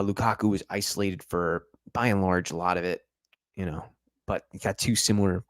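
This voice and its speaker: A deep-voiced football podcast host, a native English speaker, reviews a match on a live stream. He's chatty and analytical, speaking straight to viewers, and the recording is dry.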